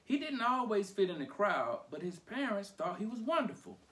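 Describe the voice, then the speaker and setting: A man reading a children's picture book aloud for storytime, playful and animated. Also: high-pitched, moderate pace.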